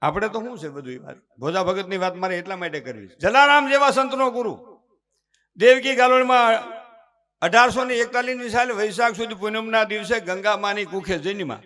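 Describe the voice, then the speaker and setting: A man's voice: sits high, lively intonation, fairly quick, pushed and bright. A man with a Kathiyawadi Gujarati accent giving a live dayro comedy talk on stage, preaching and storytelling and mimicking family members. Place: live stage before an audience.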